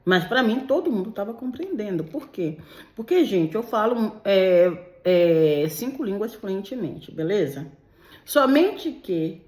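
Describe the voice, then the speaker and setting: A woman's voice: medium pitch, darkish tone. Woman confiding a true ghost story. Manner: emotional, confiding, addresses listeners directly. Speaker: legal and medical interpreter. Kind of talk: telling a true paranormal story. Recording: roomy echo.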